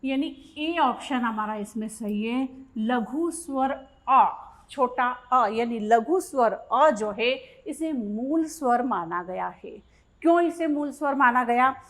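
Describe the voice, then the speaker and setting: A woman with a fairly high voice teaches a grammar lesson at an unhurried pace. She reads each question aloud, repeats it, and walks through the answer step by step, like a patient exam-prep tutor. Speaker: Hindi teacher.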